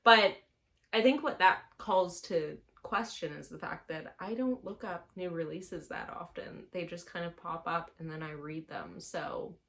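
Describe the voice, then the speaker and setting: A woman reviews books on a video channel, chatting casually to the camera in a lowish, slightly bright voice at an unhurried pace. She is playful and pokes fun at herself, drawing out words for dramatic effect.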